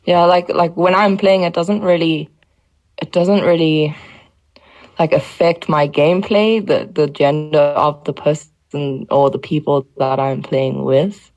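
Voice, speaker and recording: A woman's voice: low-pitched, steady tone, measured pace, a little mellow, muffled recording. A woman from South Africa co-hosting a podcast, speaking thoughtfully and hesitantly. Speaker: podcast co-host. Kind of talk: casual chat.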